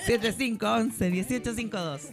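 A woman's voice: on the high side, normal speed, loud music behind the voice. A woman co-hosting a podcast with a sore throat, tossing in short quips. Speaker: podcast co-host. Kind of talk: casual chat.

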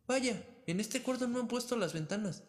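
Guy doing a tiny loud prankster boy, squeaky high and dragged out. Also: animated. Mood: cheeky. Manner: shrill, drawn-out shouting. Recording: long hall reverb.

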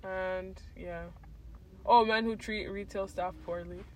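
A woman's voice: medium pitch, steady tone, slow pace, darkish tone, poor audio. Young woman reading out a list. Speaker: podcast co-host. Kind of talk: casual chat, reading out a list.

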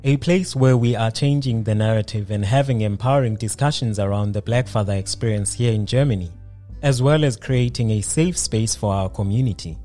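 A man from South Africa hosts a podcast in a formal, measured way. His voice is dark and mellow, and faint music plays behind him. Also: fairly low pitch. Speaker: podcast host. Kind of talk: scripted intro and interview questions.

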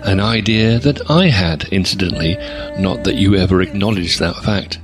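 A man's voice: low-pitched, normal speed, over music, close to an everyday voice. Man playing a self-important stand-in radio host. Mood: ingratiating. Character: self-absorbed, pompous male stand-in radio presenter. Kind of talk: scripted comic radio monologue.

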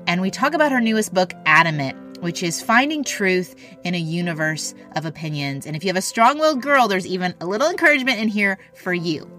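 A woman hosting a faith and parenting podcast in an upbeat, chatty way, greeting listeners with lively warmth. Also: lowish voice, soft background music. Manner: warm and chatty, drawn-out greetings. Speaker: podcast host.

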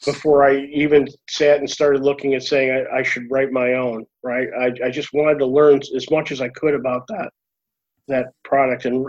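Man, panel guest, hesitant and rambling, many restarts, dull lo-fi call audio. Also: on the high side. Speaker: guest, author and trainer. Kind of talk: casual panel chat.

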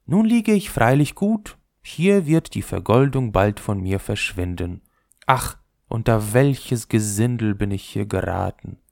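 A proud male spinning top from a storybook who brags eagerly about himself, as a man puts him on. His voice sits raised above a plain speaking voice, with lively swings and a gravelly grain. The sound is dry and close. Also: lowish voice, measured pace, dry recording. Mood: self-pitying. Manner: eager and boastful.

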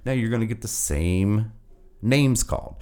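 A man hosting a casual opinion show, talking in a halting but emphatic way with a noticeable hallway-like room echo. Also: lowish voice, a little mellow, smooth. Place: temporary indoor room while travelling. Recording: echoey room.

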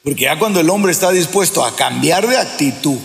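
Gravelly preacher in a hall. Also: male voice, fairly high pitch, expressive, a little fast. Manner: preaching with acted-out quotes and many restarts. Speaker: pastor. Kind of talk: sermon.

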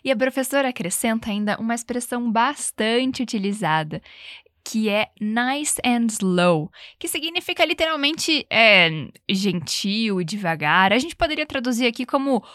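A woman teacher leads an English lesson, explaining phrases and having the listener repeat them. Her voice is bright and a little high. She says the English examples slowly and clearly, and the recording is dry and close. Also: lively intonation, no room sound. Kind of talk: language lesson with repetition drills.

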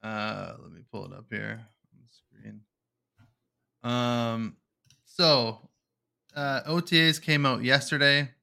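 Man, podcast co-host, casual gaming chat, laid-back, sharp bright tone. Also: medium pitch, fairly even intonation, slow pace, gravelly, pauses often. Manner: laid-back, laughs often, drawls out quoted reactions.

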